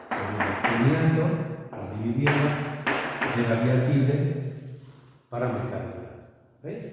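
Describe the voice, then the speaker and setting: A man gives a spelling lesson in a patient, explanatory way, often pausing to check that his listeners follow. His voice sits in a medium register and rings with a long reverb in a large room. He stands well away from the mic, and a faint noise runs underneath. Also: medium pitch, distant mic. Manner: explanatory, frequent checking tags, lively emphasis. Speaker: teacher.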